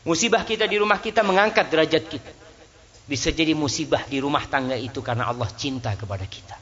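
Man preaching with sudden high rises. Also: fast, fairly bright tone. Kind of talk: sermon. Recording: slightly dull lo-fi sound.

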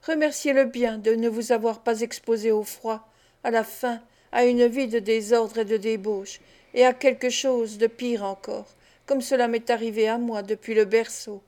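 A woman's voice: on the high side, fairly even intonation, normal speed, warm tone, close to an everyday voice. A woman voicing a poor, desperate young woman of the streets, pleading and tearful, in a read-aloud novel.

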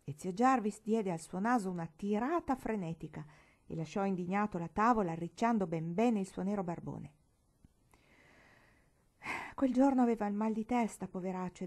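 A woman from Italy reads a classic novel aloud in a steady, expressive voice. Her pitch sits in the middle range and she takes her time with each sentence. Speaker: reader. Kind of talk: audiobook narration.

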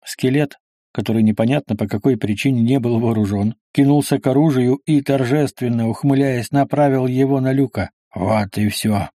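A man narrating an action audiobook in a steady, dramatic reading. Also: mid-range voice, brisk, no echo, clean studio sound.

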